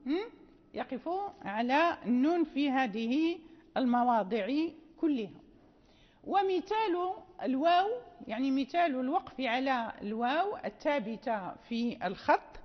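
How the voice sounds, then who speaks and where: A woman teaching Quran recitation rules in a lesson, often checking in with listeners and drawing out quoted verses slowly. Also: sits high. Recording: dull lo-fi audio with long hall reverb.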